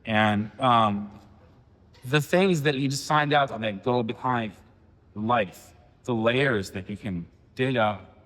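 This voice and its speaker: A man in his forties giving a poetry reading, with halting, filler-heavy asides between poems. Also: medium pitch, a bit bright, in a large hall. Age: 40s. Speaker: poet. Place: reading venue.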